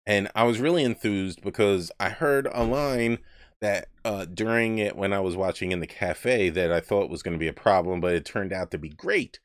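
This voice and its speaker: A man's voice: lowish voice, normal speed, no room sound, studio quality. A man co-hosting a casual livestream chat, rambling and joking about himself. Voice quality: rambling, joking, self-mocking. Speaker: podcast co-host.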